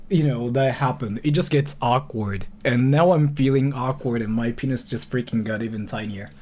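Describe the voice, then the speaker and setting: Speaking in a medium-pitched, darkish voice, a livestream host in his thirties offers casual chat and reaction commentary. He meanders and falters, stops to correct himself mid-thought, and sprinkles in plenty of filler.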